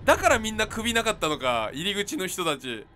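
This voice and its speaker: Excitable high-voiced man doing game commentary. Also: a little fast. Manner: jokey, talks to enemies, yells in panic. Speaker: game streamer.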